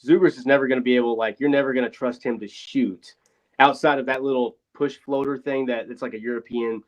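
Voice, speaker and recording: A man with a mid-range voice rambles through a casual sports chat, frank and loose with the odd swear. His voice comes through thin and hollow with no low end, boxed in like a phone booth. The dull, lo-fi earbud mic takes the body out of every word. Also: steady tone, fairly quick. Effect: thin boxy sound with no bass, like a phone booth. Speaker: podcast co-host. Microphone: failing wireless earbuds over a remote call.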